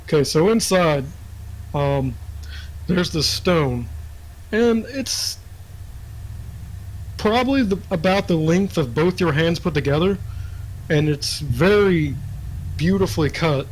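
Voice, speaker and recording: A young man running a tabletop game, telling the scene in a loose, conversational way. His voice sits a little high, and he pads his narration with fillers. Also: expressive, slow pace, pauses often, slight background noise, poor audio. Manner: casual, filler-heavy storytelling. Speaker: dungeon master.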